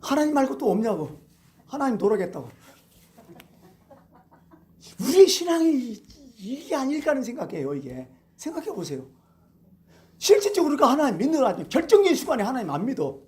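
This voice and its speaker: Animated man preaching a sermon. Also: very high-pitched, fast. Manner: animated storytelling with rhetorical questions. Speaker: pastor.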